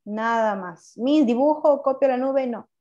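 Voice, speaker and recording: A woman teacher with a mellow, warm voice leads a language class. She quizzes her students and praises them when they answer. The recording is dull and lo-fi. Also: fairly high pitch, measured pace. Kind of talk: online class lesson.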